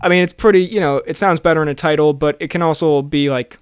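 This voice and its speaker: A man's voice: a little high, fast talker, clean tone, no room sound. Chatty laughing guy on a dry mic. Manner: laughs often, rambling with restarts. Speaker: podcast co-host. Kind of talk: casual chat.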